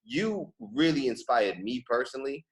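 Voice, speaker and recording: On a rough recording, a mid-range, animated voice at normal speed belongs to a New York podcast host in his thirties. He's gushing and slangy, running a casual interview chat.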